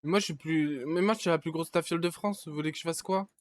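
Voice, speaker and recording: This young gaming streamer narrates a casual let's-play to himself at a quick pace, his voice on the high side, breaking out in panicked yelps and shouts and cursing as he plays.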